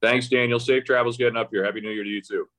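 A radio play-by-play announcer, guesting on a podcast, chats casually about the game in a fast, fairly bright, mid-range male voice with a steady tone. He's hesitant and conversational, thinking aloud with frequent false starts and restarts.

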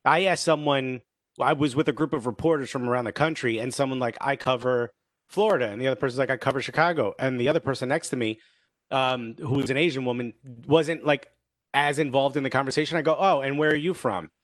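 A man's voice: mid-range voice, quick pace, dry recording. A man from New York with a New York accent, co-hosting a casual chat and telling stories with quoted voices. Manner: animated storytelling, acts out quoted voices. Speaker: podcast co-host.

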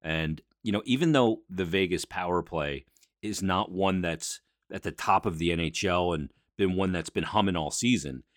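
Deep-voiced man hosting sports podcast. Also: moderate pace, no room sound, studio quality. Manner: explanatory, with emphatic asides. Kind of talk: conversational solo sports recap and analysis.

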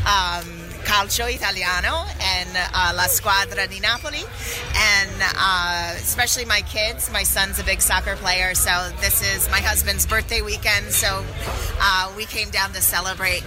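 Woman, Italian teacher, chatty, mid pitch, music behind. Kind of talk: casual interview.

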